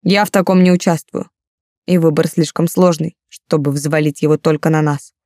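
A cautious male fighter reasons through his doubts hesitantly, as a woman narrator reads him. His voice is low and mellow. The sound is close and dry. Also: steady tone, moderate pace, no room sound, natural voice. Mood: reluctant.

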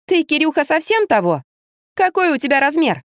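Woman playing fiery exclaiming girl, high and loud. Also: big pitch swings, normal speed, no echo, studio quality. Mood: mocking.

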